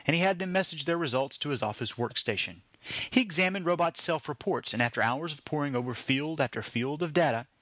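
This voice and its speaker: A man narrating his own short story in a wry, deadpan storytelling manner. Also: fairly high pitch, dry recording.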